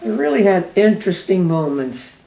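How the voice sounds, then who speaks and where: Casting: elderly female American veteran, halting reminiscence, distant mic. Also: mid-range voice, very animated, creaky, warm tone. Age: 80s or older. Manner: old veteran recalling memories in short, halting phrases. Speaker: war veteran being interviewed. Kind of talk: unscripted reminiscing. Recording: roomy, distant microphone with faint noise.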